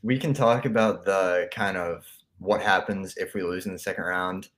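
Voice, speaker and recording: A man with a fairly low voice, talking through his views on a casual sports podcast. He sounds steady and sure of his opinions and reasons them out as he goes. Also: moderate pace. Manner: steady, opinionated, thinks aloud. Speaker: podcast co-host.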